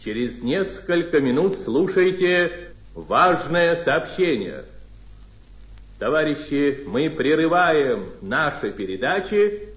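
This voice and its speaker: A man reading a formal Soviet radio news announcement as a state announcer, in a solemn, stately, measured proclamation. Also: a little high. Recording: dull, echoey archival radio broadcast.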